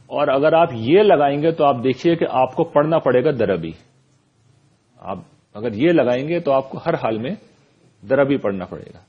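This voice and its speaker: Man teaching grammar in a husky voice. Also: mid-range voice, muffled recording. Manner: explains step by step, reciting verb forms and verses slowly; checks in with "right?". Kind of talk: classroom lecture.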